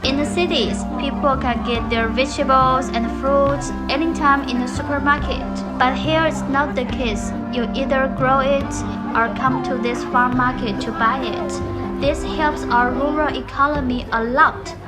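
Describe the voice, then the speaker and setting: A woman's voice: high voice, fairly even intonation, unhurried. A young woman from rural Sichuan with a Chinese accent, guiding a walking tour and explaining things plainly. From Sichuan, China. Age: young adult. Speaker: tour guide. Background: background music.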